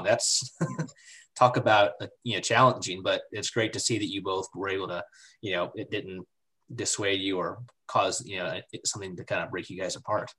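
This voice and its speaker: A man hosts a podcast interview, upbeat and conversational, with a voice sitting a little below average pitch. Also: fairly bright tone. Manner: upbeat, with frequent "you know" and "uh" fillers. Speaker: podcast host.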